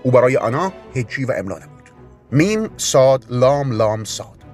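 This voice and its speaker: Calm male audiobook narrator. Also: mid-range voice. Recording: narration with faint music bed.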